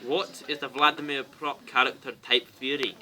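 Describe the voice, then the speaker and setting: A teenage male student asks short interview questions in a slow, halting way. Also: medium pitch, level tone, pushed and bright. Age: late teens. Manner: reads short questions slowly with pauses. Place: busy classroom. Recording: noisy classroom with chatter behind.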